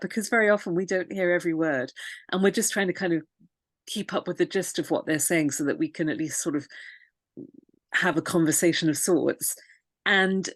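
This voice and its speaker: A woman, a pronunciation coach, explaining clearly in an interview with frequent "you know"s. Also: on the low side, no room sound.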